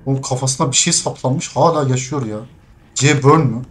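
A young man playing a game and commenting as he goes, cursing and laughing at the controls, muttering quietly while sneaking. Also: mid-range voice, normal speed. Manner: exasperated, swearing at the game's controls, laughing. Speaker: gaming streamer. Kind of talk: let's play commentary.

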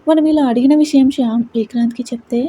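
A woman's voice: fairly high pitch, fairly even intonation, fast talker, mellow, husky, low-quality recording. A woman voicing a fond, fretful old grandmother. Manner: affectionate, worried questions.

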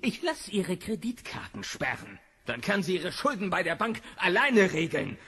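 An actor playing a brutish, bullying rich husband in an audio drama, sneering and menacing. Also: male voice, sits high, big pitch swings, moderate pace, pushed and bright, husky, full character voice.

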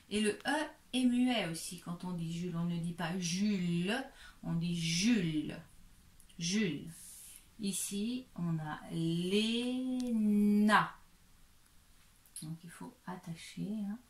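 A woman kindergarten teacher giving a slow, careful reading lesson to a young child, patiently sounding out each syllable. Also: on the low side, a little mellow. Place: room at home. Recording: echoey room.

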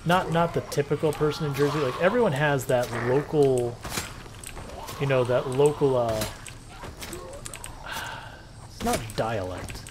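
Chatting casually while he streams a game, a male streamer jokes around and rambles conversationally. His mid-range voice moves at a measured pace with long pauses, over background noise.

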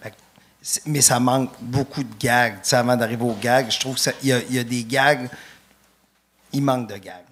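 A man with a Quebec French accent, a guest judge giving gentle, hedging feedback to a comedian. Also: medium pitch, fairly even intonation, fairly quick, a little hiss or hum.

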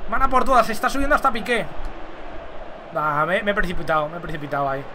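A young man from giving excitable live commentary while playing a football video game, chatting with viewers. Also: high voice, quick pace, slight background noise. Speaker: gaming streamer.

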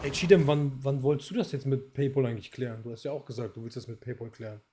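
A man streaming a game, chatting casually and teasing his friends with crude jokes, often dropping to quiet mumbles. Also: medium pitch, steady tone, fast talker, slight background noise. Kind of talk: casual gaming voice chat.

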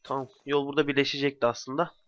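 A man's voice: mid-range voice, little pitch movement, fast, fairly bright tone, dry recording. A young man giving casual let's play commentary, talking to himself with bursts of exasperation. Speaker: gamer commentator. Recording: dry, dull lo-fi home mic.

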